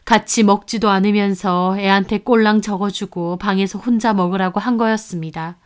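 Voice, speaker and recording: A woman narrating a first-person family story in a calm, confessional storytelling manner. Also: medium pitch, normal speed, clean tone.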